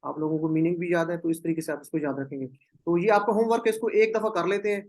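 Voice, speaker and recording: A man's voice: fairly high pitch, fairly even intonation, a little mellow. A man teaching an online class, patiently drilling Arabic verb forms and calling on students over a video call.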